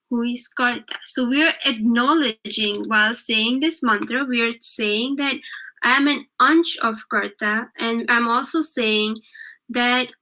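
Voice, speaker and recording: Slow, bright-voiced woman teaching online. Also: on the high side, poor audio. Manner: patient, keeps checking with "right?". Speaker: religious class teacher. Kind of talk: online children's lesson. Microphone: video call.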